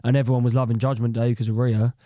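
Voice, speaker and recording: A man co-hosts a podcast with a mellow, relaxed tone. He gets excitable, laughs often and acts out his reactions, all on a dry, close mic. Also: mid-range voice, quick pace, no echo. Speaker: podcast co-host. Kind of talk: casual chat.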